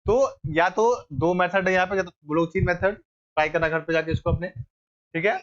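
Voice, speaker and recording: A man's voice: high voice, steady tone, normal speed, a bit bright. A young male teacher giving a grammar lesson in a classroom, explaining step by step and often checking with his students. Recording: dull lo-fi recording.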